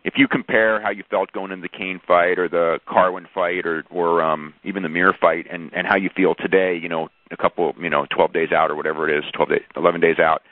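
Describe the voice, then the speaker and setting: A man's voice: low voice, flat delivery, brisk, few pauses, no echo. A male sports reporter asking wordy, stumbling questions on a press conference call over the telephone. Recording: narrow, muffled telephone line.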